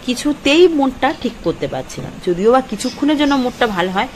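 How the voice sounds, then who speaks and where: A woman calmly narrating her day in a home vlog voice-over. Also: on the high side, fast.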